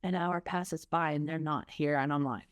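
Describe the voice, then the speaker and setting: A young woman, a guest on a podcast, telling a lively story and acting out quotes. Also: normal speed. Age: young adult. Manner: animated, acts out quotes with big pitch jumps. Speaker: guest, foster parent.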